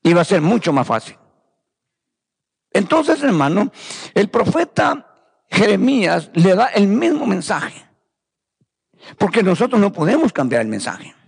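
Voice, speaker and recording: A man's voice: sits high, wildly swooping pitch, measured pace, gravelly, pauses often, husky, in a large hall. A man preaching a fervent sermon, repeating phrases and calling his listeners brothers. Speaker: pastor.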